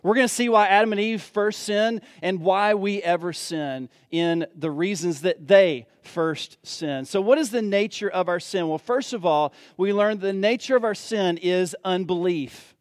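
A man's voice: sits high, measured pace, hardly any pauses, no room sound. A man preaching a sermon in an earnest way, repeating key phrases for emphasis and growing emphatic on key points.

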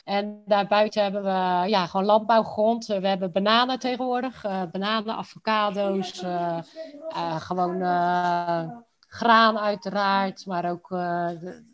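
Informal woman with a Rotterdam accent. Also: mid-range voice. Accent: Rotterdam Dutch. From Rotterdam, Netherlands. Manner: informal and colloquial. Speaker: interview guest. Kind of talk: casual conversational interview answers.

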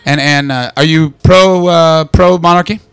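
A man doing stand-up crowd work, brash and profane, teasing the audience and breaking into loud shouts. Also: a little high, fairly even intonation, measured pace, creaky, smooth, no echo. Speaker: stand-up comedian. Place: London comedy club.

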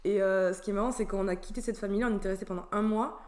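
A woman from France talking casually as a guest, chatty and quick to laugh between sentences. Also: mid-range voice, fairly even intonation, darkish tone. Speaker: guest sharing travel stories. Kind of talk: casual conversation.

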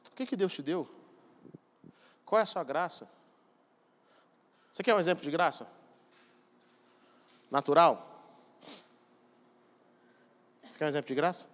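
A man delivers a sermon with emphatic conviction and keeps turning to the congregation with direct questions. His voice sits a little on the high side. It rings out through a church hall with a long, lingering reverb. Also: expressive, a little slow, long pauses, fairly bright tone. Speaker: pastor.

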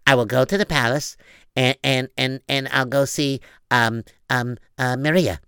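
A man voicing a halting, hesitant young woman. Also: mid-range voice, fairly even intonation, sharp tone, smooth, no room sound, studio quality, voice pushed down. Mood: earnest. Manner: halting, many fillers. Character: hesitant young woman hiding her identity.

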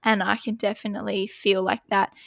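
Chatty woman with a creaky voice. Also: mid-range voice, little pitch movement, fairly quick, dry recording, studio quality. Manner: chatty, filler-heavy, many "like"s. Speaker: podcast co-host. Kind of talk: casual chat.

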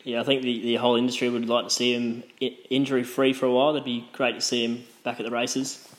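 Man, Australian accent, interviewer, average pitch, casual questioning, friendly, slightly hesitant phrasing. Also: monotone, fast talker, poor audio.

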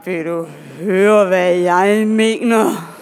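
A man's voice: high-pitched, fairly even intonation, natural voice. An actor playing a pushy man at a bar who knows the listener's father and probes with persuasive questions. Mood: probing. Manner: probing, persuasive. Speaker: stranger at a bar. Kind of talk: radio drama acting.

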